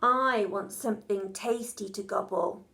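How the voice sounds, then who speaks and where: A woman voicing a big, greedy, hungry dragon in a storybook, with a slow, drawn-out, booming growl. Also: pushed and bright.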